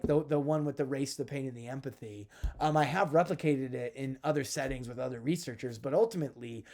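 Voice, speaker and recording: A man in his thirties giving a casual psychology lecture, chatty and animated, with self-deprecating asides. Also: a little high.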